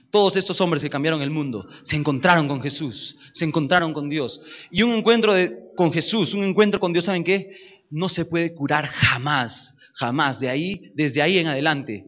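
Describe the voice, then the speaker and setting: A man's voice: on the high side, fairly bright tone. Emphatic male preacher, lo-fi sound. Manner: emphatic, repeats phrases, asks the audience questions. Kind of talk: sermon.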